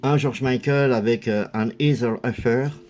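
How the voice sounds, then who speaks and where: A man's voice: medium pitch, measured pace, darkish tone, soft background music. A man casually commenting as a video host, chatty and hesitant, with lots of fillers. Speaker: video host showing a music collection.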